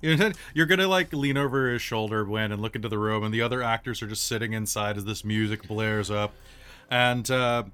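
A man's voice: mid-range voice, fairly bright tone, clear, resonant tone. Playful man running a tabletop game. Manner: quick, playful, with asides. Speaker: game master.

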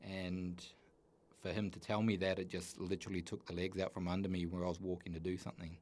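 A man with a New Zealand accent and a very low, deep voice. He speaks earnestly, often pausing and restarting his sentences as he tells his own story. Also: little pitch movement, darkish tone, a little hiss or hum. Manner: earnest, halting with many restarts. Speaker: guest. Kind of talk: candid personal story.

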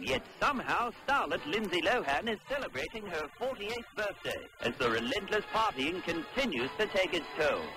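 A man doing a grand old-time newsreel announcer. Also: rough recording. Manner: booming, dramatic announcer delivery. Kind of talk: parody newsreel narration. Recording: pre-produced sketch over loud music.

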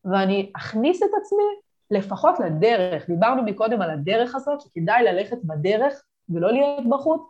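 A woman business coach speaking as a guest on a podcast, giving energetic motivational advice with lively emphasis. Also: mid-range voice, dull audio.

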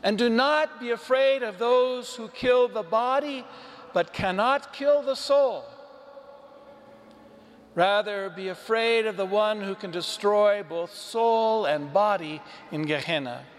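A priest proclaiming the gospel in a slow, solemn, measured liturgical reading, with a cathedral echo around his voice. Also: high voice. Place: large church. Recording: long church hall reverb.

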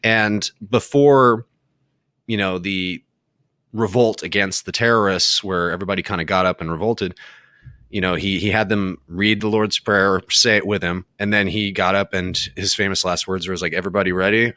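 A man co-hosting a casual talk show, relaxed and earnest, with dry jokes. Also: low voice, moderate pace, dry recording. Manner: relaxed, earnest, joking aside. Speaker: show co-host.

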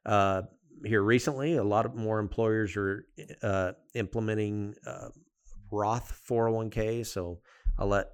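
A man explaining things off the cuff as a podcast panelist, pausing and repeating words as he goes. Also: lowish voice, steady tone, clear, resonant tone, no echo, studio quality. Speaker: financial firm executive, podcast panelist. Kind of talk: unscripted explanatory talk.

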